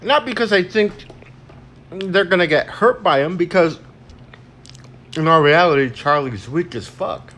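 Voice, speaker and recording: A man's voice: fairly high pitch, unhurried, pauses often, fairly bright tone. A man ranting crudely and rambling with lots of fillers in a casual livestream, talking into a phone while eating. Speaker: vlogger.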